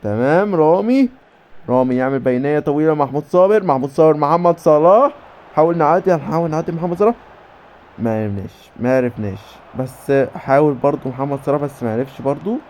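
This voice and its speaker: Egyptian guy hyped up narrating his own football game, kinda high pitched, soft mellow tone. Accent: Egyptian Arabic. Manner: rapid name-calling bursts, cheering shouts. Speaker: gamer commentating his own match. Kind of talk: excited play-by-play game commentary.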